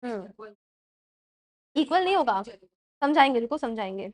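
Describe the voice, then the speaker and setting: A young woman teaching a class and mixing English terms into Hindi, dictating slowly, repeating points and checking that her students follow. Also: on the high side, big pitch swings. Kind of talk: classroom lecture.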